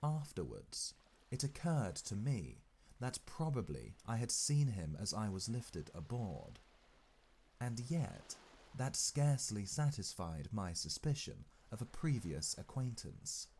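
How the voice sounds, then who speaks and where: A man reading a classic novel aloud as an audiobook narrator, in a measured delivery, phrase by phrase with frequent pauses. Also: lowish voice, very animated, a little mellow, a little hiss or hum.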